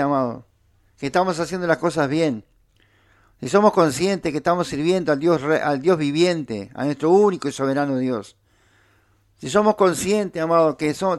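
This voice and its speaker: A man preaching a sermon. His voice sits high for a man, and he hammers home his points with repetition, stretching out key phrases for emphasis. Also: moderate pace.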